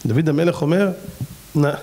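A rabbi delivers a fiery sermon in a high, bright tenor. He hammers his listeners with rhetorical questions, his voice leaping up and dropping low as he presses each point. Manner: fires off rhetorical questions with big pitch swings.

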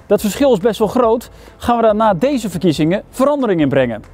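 A man interviewing passers-by on a town street with a handheld mic, asking questions full of absurd euphemisms with a deadpan manner. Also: sits high, brisk. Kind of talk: street vox pop questions. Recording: faint street noise.

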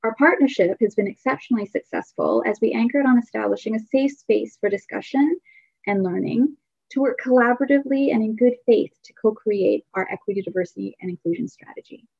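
Woman keynote speaker, measured formal delivery, dry close sound. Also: a little high, lively intonation, gravelly, darkish tone, slightly rough, dry recording, lo-fi sound. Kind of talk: prepared presentation.

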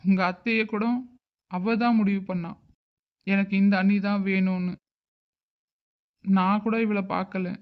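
A man voicing a hurt, stubborn uncle who scolds and grieves in an animated drama. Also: sits high, unhurried, long pauses, lo-fi sound. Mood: grieving. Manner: reproachful, emotional. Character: hurt, stubborn middle-aged uncle, angry but grieving.

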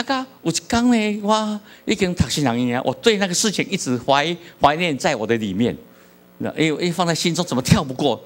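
Man, middle-aged, Taiwanese accent, pastor, sermon, humorous storytelling, fairly high voice. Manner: humorous storytelling preacher, asks the congregation questions.

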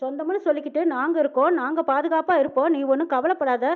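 Woman voicing a tearful young woman, pleading, accusing, high voice, fast, phone-like sound. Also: natural voice.

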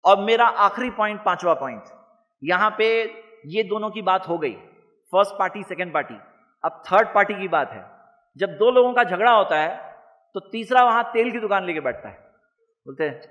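A man giving a religious lecture to an audience, animated, asking questions and having the crowd repeat his points. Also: sits high, long reverb tail. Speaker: Islamic lecturer.

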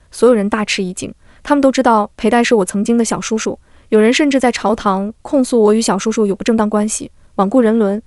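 A woman narrating a period romance audiobook as scripted narration, reading every character in one steady voice. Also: on the high side, dry recording, clean studio sound.

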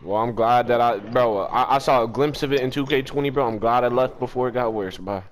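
A man's voice: mid-range voice, brisk, a little hiss or hum. Argumentative young man in gaming chat. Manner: argumentative, repeats himself. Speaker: gaming friend. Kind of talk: casual gaming chat with friends.

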